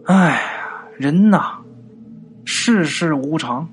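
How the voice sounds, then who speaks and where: A man's voice: fairly high pitch, expressive, slow, soft background music, voice pushed up. A man voicing a sorrowful old village grandmother. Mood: worried, sorrowful.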